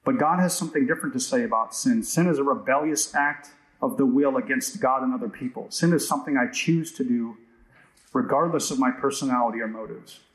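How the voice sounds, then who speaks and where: Male pastor, mid-pitched, chatty sermon delivery, reverberant room sound. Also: brisk. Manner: conversational preaching with frequent "right?" asides.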